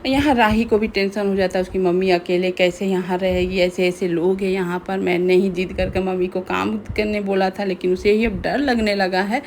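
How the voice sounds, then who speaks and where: A woman's voice: mid-range voice, steady tone, moderate pace, hardly any pauses, a little mellow, a little hiss or hum. A woman casually recapping a TV serial episode, retelling scenes in a chatty way with frequent fillers.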